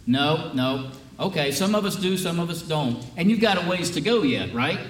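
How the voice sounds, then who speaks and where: A man with a somewhat high voice leads a children's sermon as pastor, chatty and full of questions for the kids. He is picked up from a distance in a roomy church, with a faint murmur behind him. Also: animated, moderate pace, slight background noise. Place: church sanctuary.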